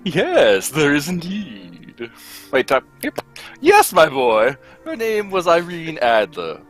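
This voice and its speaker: An actor performs a genial older gentleman doctor in an old-time radio play. The delivery leaps dramatically up and down, full of exclamations and hearty storytelling. Light music sits behind the voice. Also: medium pitch, huge pitch swings, slow pace, full character voice.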